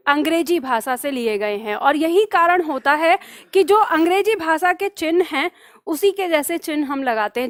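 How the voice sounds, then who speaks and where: A woman teacher giving an exam-prep grammar lesson, dictating notes slowly and asking and answering her own questions. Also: sits high, no echo, clean studio sound.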